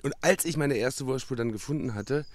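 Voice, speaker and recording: Mann mit mittlerer, trocken klingender Stimme. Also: male voice, medium pitch, brisk, no echo. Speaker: wolf expert and guest.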